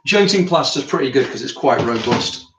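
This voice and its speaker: Working in his roomy art studio, a British man chats loosely on a live stream at a brisk pace, his medium-pitched voice full of lively intonation. He's a little tired from climbing and thinks out loud as he goes, with faint noise in the background.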